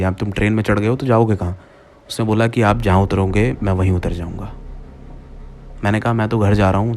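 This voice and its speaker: A man's voice: fairly low pitch, a little mellow, slight background noise. A man narrating a first-person horror story to his listeners, speaking to them as friends and acting out his own lines.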